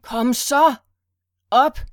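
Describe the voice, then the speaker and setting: A furious man back from the dead, roaring orders and spitting bitterness, as a woman narrator acts him out. His voice rises high and loud when he shouts. The recording is close and dry. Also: no echo, close to an everyday voice. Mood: commanding. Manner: barking, roaring commands.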